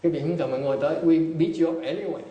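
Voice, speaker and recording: A man's voice: on the high side, steady tone, racing, lo-fi sound. A man giving a dharma talk as a Buddhist meditation teacher, telling jokey anecdotes. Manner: joking, anecdotal storytelling. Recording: echoey hall, distant mic, faint hiss.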